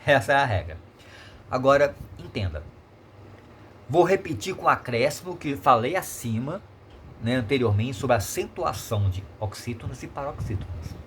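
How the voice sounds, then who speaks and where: A man's voice: medium pitch, sing-song, normal speed, a little hiss or hum. A Brazilian man teaching Portuguese grammar in a remote lesson, explaining patiently and checking in with short tag questions.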